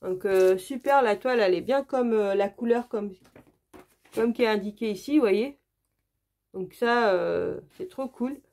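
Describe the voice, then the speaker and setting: A woman from France talks through her craft kits in a chatty, eager way. Her voice sits at an everyday middle pitch, with lots of fillers and repeated praise. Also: unhurried, a little mellow. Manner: chatty, enthusiastic, many fillers. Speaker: craft vlogger. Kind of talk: casual unboxing chat.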